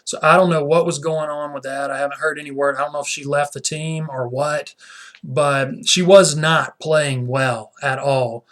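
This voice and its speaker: A man's voice: on the high side, steady tone, moderate pace, fairly bright tone. A man ranting indignantly in a vlog as a sports fan, often repeating his words. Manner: repeats words while talking.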